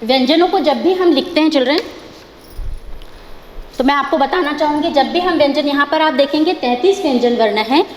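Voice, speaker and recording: A woman teacher with an Indian accent, explaining a lesson slowly, drawing out sounds to show pronunciation and checking that the class understands. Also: high voice. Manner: mixes English words into her talk. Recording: echoey room with long reverb, faint hiss.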